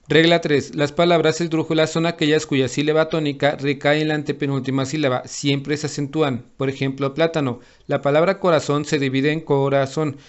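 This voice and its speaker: A man reading a lesson summary aloud, steady and explanatory. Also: a little high, clear, resonant tone.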